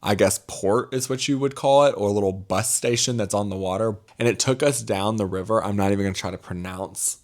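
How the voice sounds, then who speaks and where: A young man with a fairly low voice and a Mississippi accent. He talks like a travel vlogger catching up with friends, casual and chatty. His delivery is gossipy and emphatic, full of confiding asides to whoever is watching. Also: a little fast, hardly any pauses, darkish tone. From Mississippi, United States. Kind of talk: casual chatty storytime vlog.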